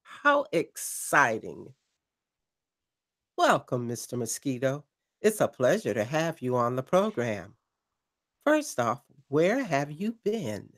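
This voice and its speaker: A woman performs a theatrical late-night pirate radio host in an audio drama, speaking slowly and deliberately. Her slightly bright voice swings hugely in pitch as she savors each phrase and leans into the eerie parts of her story, in a heavily acted style.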